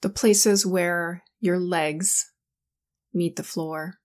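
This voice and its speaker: A woman guiding a sleep meditation in a calm, soothing, slow manner. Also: lowish voice. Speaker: meditation guide.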